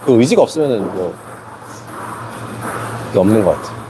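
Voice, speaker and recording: A man's voice: on the low side, animated, fairly quick, noisy background. A man hosting a casual live stream in a table tennis hall, a coach who asks teasing questions.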